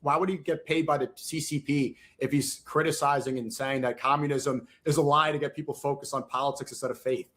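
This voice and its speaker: A man's voice: mid-range voice, fairly even intonation, brisk, hardly any pauses, fairly bright tone. A man in a played clip, ranting indignantly and speaking directly to his critics. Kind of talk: streamer rant.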